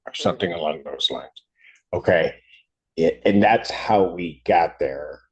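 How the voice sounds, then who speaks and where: A man serving as judge in a court hearing, speaking carefully and apologetically with many pauses and restarts. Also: deep voice, slightly rough, highs cut off. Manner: apologetic, measured.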